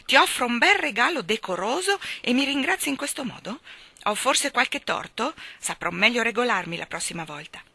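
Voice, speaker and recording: A prim, strict nanny who speaks in crisp, reproving tones, slightly higher and louder than the narration around her, voiced by a woman reading a storybook aloud. Her voice is bright and clear, with a dry, close sound. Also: animated, moderate pace, no echo, exaggerated voice. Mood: offended. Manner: sharp, offended, then ironic warnings.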